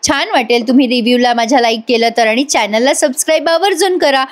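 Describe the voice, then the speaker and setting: A woman narrates a TV serial recap in a chatty voice-over, with a fairly high voice. She talks straight to her viewers and retells each scene. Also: quick pace. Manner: chatty, addresses viewers directly. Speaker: TV serial reviewer. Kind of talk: voice-over episode review.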